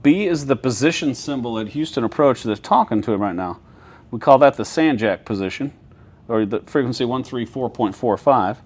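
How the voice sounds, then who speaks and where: An air traffic controller speaks from an airport control tower, his mid-range, slightly mellow voice carrying lively intonation at a moderate pace. He explains things plainly and casually, one step at a time, pausing to ask whether the listener is keeping up.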